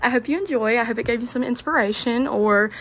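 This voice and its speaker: A woman's voice: a little high, fast talker, fairly bright tone. A young woman, gushing about her decor in a casual vlog on an outdoor patio, laughing often. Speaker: home decor vlogger.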